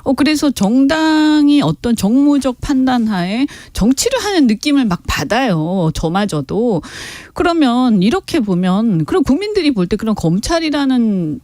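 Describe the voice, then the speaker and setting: A woman's voice: fairly high pitch, very animated, normal speed, few pauses, darkish tone, no echo, studio quality. A woman guest on a radio talk show, giving frank, critical political commentary with emphasis. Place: radio studio. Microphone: studio mic.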